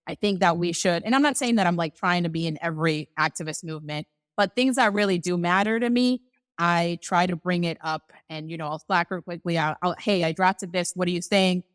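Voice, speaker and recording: A woman from the Dominican Republic, a business co-owner, talking quickly and animatedly as an interview guest and often quoting herself. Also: lowish voice, smooth, no echo. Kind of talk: casual conversational interview.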